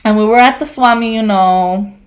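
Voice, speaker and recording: A woman in her twenties telling stories on a casual podcast, animated, laughing and swearing, with lots of fillers. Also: on the high side, moderate pace. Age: 20s. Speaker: podcast co-host. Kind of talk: casual storytelling chat.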